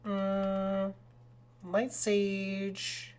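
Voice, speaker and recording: A woman streaming a game live, chatting casually in a rambling way and breaking into excited cheers. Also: medium pitch, very slow. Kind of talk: casual live gaming commentary.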